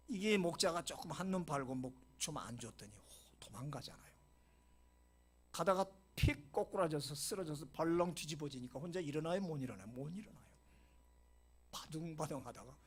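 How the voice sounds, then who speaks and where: A middle-aged male pastor preaching a sermon, telling the story dramatically and dropping to whispers before loud exclamations, with short English phrases mixed in. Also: sits high, breathy edge.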